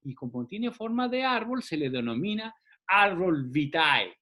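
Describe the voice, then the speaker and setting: A man's voice: high-pitched, big pitch swings, unhurried, sharp tone. A man teaching a classroom anatomy lecture, explaining step by step and often checking in with the class.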